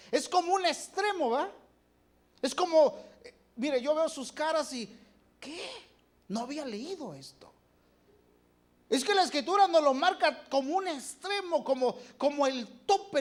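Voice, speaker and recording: Animated preacher questioning the congregation. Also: high-pitched. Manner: animated, shifting loudness. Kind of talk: sermon. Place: church.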